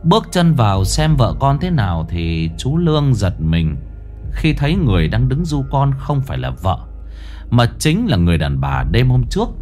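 Expressive male ghost-story narrator. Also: mid-range voice, moderate pace, faint music behind. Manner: expressive, suspenseful.

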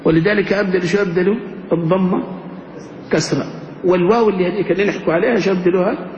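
A man teaches a classroom grammar lesson, his voice sitting fairly high. He keeps turning to the students with rhetorical questions. The recording is dull and lo-fi. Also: fairly even intonation, very fast, darkish tone, slight background noise. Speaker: sheikh teaching Arabic grammar.

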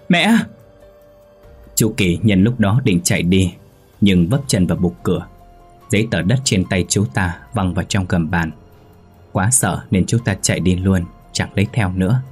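A man narrating a horror story in a steady, even storytelling manner. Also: sits low, husky.

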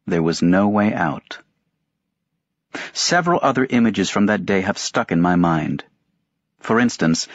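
A man narrating a first-person novel as a sleep audiobook, in an even, unhurried reading voice. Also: lowish voice, dry recording. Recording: dry, dull-sounding recording.

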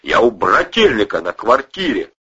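A man's voice: mid-range voice, very animated, normal speed, sharp tone, breathy edge, dull audio, pitched above the performer's own voice, exaggerated voice. A man reading a story, voicing a drunk, belligerent retired army doctor who growls and snaps. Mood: snarling drunk. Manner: growling, snapping.

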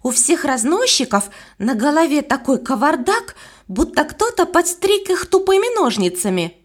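A woman's voice: high-pitched, sing-song, moderate pace, voice pushed up. A woman voicing an eager young girl detective. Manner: earnest, slightly shy. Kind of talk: audiobook character voice.

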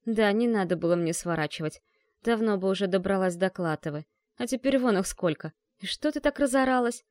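A woman's voice: mid-range voice, expressive, fairly quick, a little mellow, no echo, lightly acted. A woman voicing a cold, dismissive woman who has been turned into a bio-robot. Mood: irritated. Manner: dry, dismissive.

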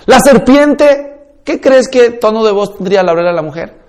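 Speaking fast in a high-pitched voice with a darkish tone, a man instructs a preaching course emphatically. He talks straight to his listeners and models different tones and speeds himself.

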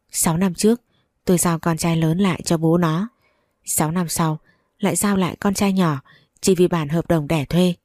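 A woman narrates a story in the first person, her reading heavy with sorrow. Her voice sits low with a dark, mellow tone. The sound is dry and close, with no room around it. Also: no room sound.

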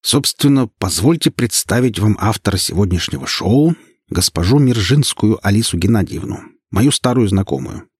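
A man's voice: fairly low pitch, lively intonation, normal speed, slightly rough, no echo, studio quality. A man voicing a sly, sarcastic male detective who mocks and uses slang. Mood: mocking. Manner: mocking, slangy.

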